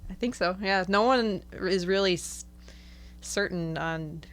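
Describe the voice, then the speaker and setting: A woman's voice: lowish voice, measured pace. Easygoing woman podcast co-host. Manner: easygoing, many fillers. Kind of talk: casual chat.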